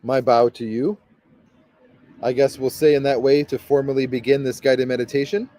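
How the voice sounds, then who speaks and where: A man leads a guided meditation in a mellow, relaxed voice of middle pitch. He rambles and hesitates, circling back on himself with fillers and restarts. The recording is dry and close, with no room sound. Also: normal speed, no echo. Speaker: spiritual guide leading a meditation.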